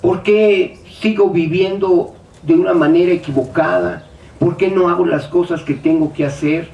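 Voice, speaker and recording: A man's voice: high voice, animated, moderate pace, creaky, dull audio. A man preaching a sermon, firing rhetorical questions and acting out the doubts of his listeners. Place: church hall. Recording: echoey hall, speaker far from mic.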